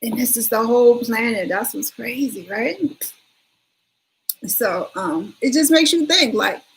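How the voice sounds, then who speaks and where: A woman's voice: a little high, unhurried, slight background noise, poor audio. Chatty woman rambling on a livestream. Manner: rambling, chatty, addresses viewers directly. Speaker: livestream host. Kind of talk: casual livestream chat.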